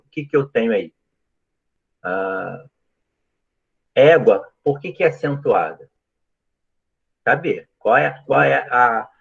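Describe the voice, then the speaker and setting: A man teaching a live grammar class, talking students through each point and checking often that they follow. His voice is husky and sits at an everyday middle pitch. The stream audio sounds dull and lo-fi. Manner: explanatory, asks frequent checking questions. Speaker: Portuguese teacher. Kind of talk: live online grammar lesson.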